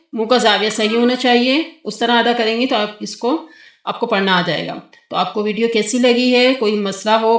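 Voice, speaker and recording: A woman's voice: a little high, reverberant. A woman teaching Quranic letter pronunciation to a child, patiently explaining and stretching out sung syllables for the child to repeat. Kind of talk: tajweed lesson with a child.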